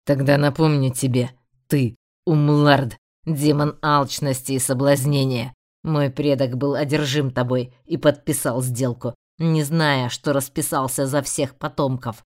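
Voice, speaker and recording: A woman voicing a young male warrior who defends his wife and child, speaking with forceful, shouted defiance. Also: a bass voice, steady tone, a little slow, pitched below the performer's own voice.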